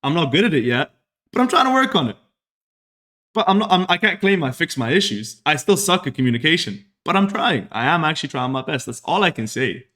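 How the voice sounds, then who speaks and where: Very animated and a little fast, his fairly high voice sounds pushed and bright. The young Saudi podcaster addresses his live chat in a casual monologue, earnest, self-reflective and repetitive.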